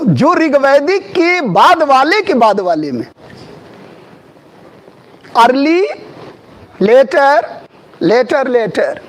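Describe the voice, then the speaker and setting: A middle-aged male history teacher, lecturing in a classroom. His voice sits very high and swings widely in pitch. He drills key terms by repeating them and puts questions to his students.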